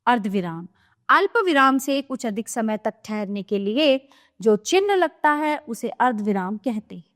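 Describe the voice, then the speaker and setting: A woman teacher giving a scripted grammar lesson to children, explaining clearly and steadily. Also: a little high, lively intonation, a little slow, fairly bright tone.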